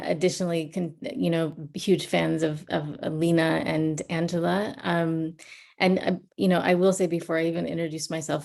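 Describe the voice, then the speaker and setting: Woman on a panel, low voice w lots of fry, halting n thoughtful, kinda even. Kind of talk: informal self-introduction on a panel.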